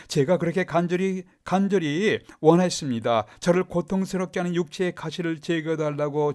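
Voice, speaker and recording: A grown apostle pours out an aggrieved, pleading complaint to God, his voice rising and falling with lively swings. A man acts him out inside a sermon, staying close to his own everyday speaking voice. The delivery is earnest and pained. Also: on the high side, voice pushed up, close to an everyday voice.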